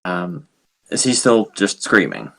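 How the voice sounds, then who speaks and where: Low-voiced guy, tabletop player, kinda tentative, repeats himself while planning. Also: very animated, slow, vocal fry, bright, forceful tone, rough recording. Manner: tentative, repeats words as he plans. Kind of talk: tabletop role-play.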